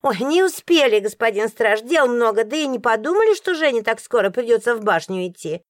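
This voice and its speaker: Sweet-talking old landlady, fawning, grumbly, highish lively voice, woman doing her. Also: fairly quick, no room sound, studio quality, close to an everyday voice. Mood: sugary fussing. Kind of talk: audiobook character voice.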